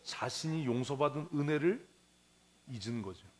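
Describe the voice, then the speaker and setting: A pastor delivers a sermon in a church sanctuary, relating a parable in a chatty style while acting out its characters and questioning the congregation. He speaks at normal speed in a mid-range voice with lively intonation, and there's a little background noise.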